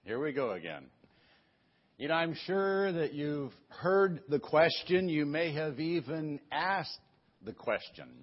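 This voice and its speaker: A man preaching an expository sermon as a pastor in a careful, unhurried way, phrasing deliberately with pauses, on a dull lo-fi recording. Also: a little high, big pitch swings. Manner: careful, unhurried, step-by-step delivery.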